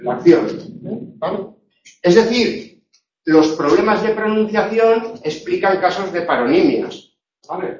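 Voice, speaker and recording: A man teaching a class on pronunciation, drawing out his examples slowly and checking in with the students again and again. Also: high voice. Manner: slow, drawn-out examples with frequent "¿eh?" and "¿vale?" checks. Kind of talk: classroom lecture on phonetics. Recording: echoey room, distant lo-fi mic.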